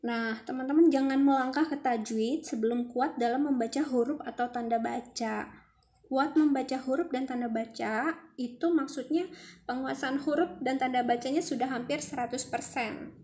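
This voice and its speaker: A woman gives a casual reading lesson, patiently saying each letter sound over and over so learners can hear the difference. Her voice sits a little high. The room around her is roomy and echoing. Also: steady tone, moderate pace, a little mellow. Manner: patient, demonstrates letter sounds by repeating them. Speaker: Quran reading teacher.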